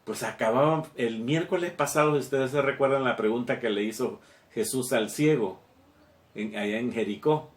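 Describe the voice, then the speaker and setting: A man preaching a sermon, talking slowly and haltingly, with many fillers and repeated words. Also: medium pitch, reverberant.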